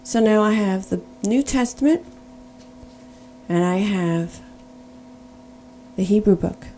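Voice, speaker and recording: A woman's voice: mid-range voice, slow pace, mellow, a little hiss or hum. A middle-aged woman giving a personal faith testimony, earnest and storytelling, now and then spelling words out letter by letter.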